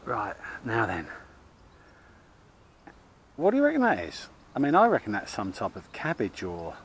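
A man's voice: lowish voice, wildly swooping pitch, moderate pace, breathy edge. A man, chatting casually and rambling through an allotment tour, recorded outdoors on an action camera. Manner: chatty, rambling, many restarts and fillers. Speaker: allotment vlogger. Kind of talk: casual chat. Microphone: action camera, held or chest-mounted.

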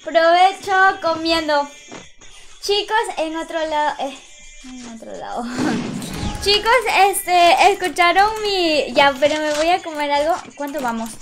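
A woman live-streaming a game, excitable and affectionate with her chat, often shrieking. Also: extremely high pitch, measured pace. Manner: affectionate, calls chat love and baby. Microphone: desk mic with webcam. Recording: loud game music behind voice.

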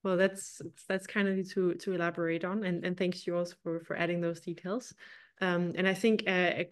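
A young woman with a lowish voice moderates the session over a video call. She talks hesitantly, restarting phrases as she hands the floor to others. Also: little pitch movement, normal speed, smooth. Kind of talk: event moderation.

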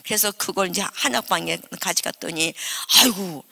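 An older woman preaching a revival sermon, telling personal stories with animated acted-out dialogue. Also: medium pitch, moderate pace. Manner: animated storytelling, acting out dialogue. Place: church sanctuary. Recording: reverberant church hall.

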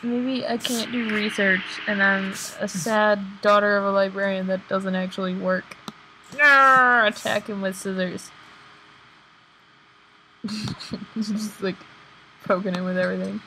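A young woman co-hosting a casual gaming let's play, excitable and prone to jumpy yelps. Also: mid-range voice, a little slow, long pauses, slight background noise, poor audio.

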